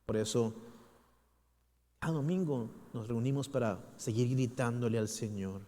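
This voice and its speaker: A man preaching a sermon in a church, emphatic, with dramatic pauses and repetition. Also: medium pitch, dark tone. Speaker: pastor. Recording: long church hall reverb.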